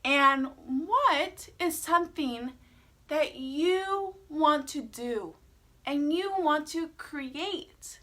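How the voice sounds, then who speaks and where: A woman's voice: high voice, extremely slow, bright, forceful tone. A woman teaching a live online yoga class for children, playful and encouraging, sometimes breaking into sing-song chants.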